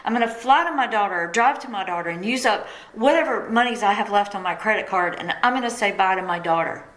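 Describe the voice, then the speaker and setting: A woman's voice: medium pitch, animated, quick pace, a bit bright, rough recording. A middle-aged woman, tearing up as she tells her listeners a personal story of pain and surrender in an emotional, heartfelt way. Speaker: radio host and speaker.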